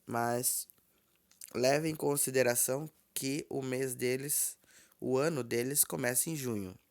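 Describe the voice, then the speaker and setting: Slow, gravelly man teaching a language. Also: mid-range voice. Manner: repeats words slowly and patiently, spelling out tones. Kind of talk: slow spoken language lesson.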